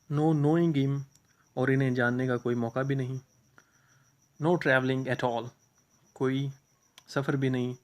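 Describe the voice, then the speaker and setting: A male English teacher with a Pakistani accent explains a poem to a class, reading each English line slowly and then explaining it in Urdu. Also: mid-range voice.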